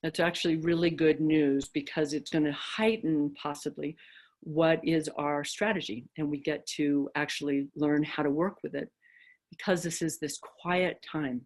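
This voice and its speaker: Give me a low-pitched woman giving a reflective dharma talk as a teacher. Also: level tone, moderate pace, darkish tone. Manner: reflective storytelling with fillers.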